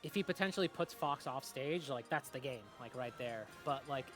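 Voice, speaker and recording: A young man doing live play-by-play commentary on a fighting game tournament, excitable, with lots of fillers and quick reactions. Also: medium pitch. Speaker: esports commentator. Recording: music playing behind.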